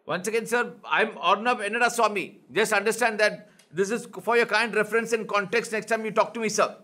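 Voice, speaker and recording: A man's voice: high voice, fairly quick, pushed and bright. A man with an Indian accent playing a pompous, self-important male news anchor who keeps calling his guests "sir" in a comedic spoof interview. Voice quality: pompous, formal. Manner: repeats "sir" constantly, lectures guests.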